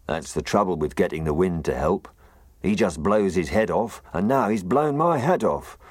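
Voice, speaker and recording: A man voicing a gruff, chatty male snowman in a storybook reading. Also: low-pitched, animated, moderate pace, no room sound, clean studio sound, pitched above the performer's own voice. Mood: friendly. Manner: loud, friendly, fussing.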